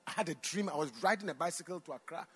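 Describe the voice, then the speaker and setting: A middle-aged Ghanaian man, a pastor, preaching a storytelling sermon that swings between hushed moments and loud outbursts as he speaks to the congregation. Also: a little high, very fast, slightly rough. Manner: animated, swings from hushed to shouting, addresses the audience directly.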